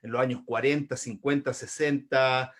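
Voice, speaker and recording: A man's voice: mid-range voice, fairly even intonation, normal speed. A Chilean man speaking as a guest in an online panel discussion, reflective and colloquial. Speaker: guest, theatre director.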